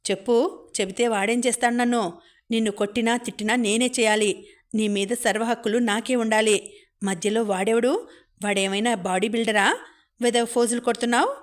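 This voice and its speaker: A woman's voice: on the high side, fairly even intonation, a little fast, close to an everyday voice. A jealous, menacing young man, read by a woman. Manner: sneering, threatening.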